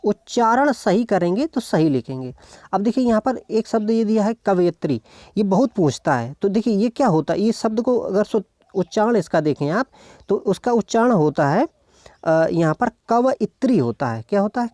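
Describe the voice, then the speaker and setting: Working patiently through practice questions in an online lesson, an exam-prep tutor asks questions aloud, answers them, and keeps saying "ok" to check in. The voice is medium in pitch with a dark tone, very animated, at normal speed, with studio-quality sound and no room noise.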